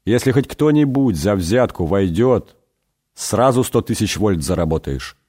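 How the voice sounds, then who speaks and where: A man voicing Jesus as a stern, measured figure scolding a disciple. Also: lowish voice, expressive, warm tone, slightly rough. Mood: reproachful. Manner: measured, reproachful.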